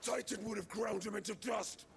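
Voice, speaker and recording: An actor playing a proud, wounded warlord in a video game, raging and yelling furious threats. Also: male voice, high-pitched, steady tone, normal speed, creaky, over a noisy crowd. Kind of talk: video game cutscene acting. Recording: game music behind the voice.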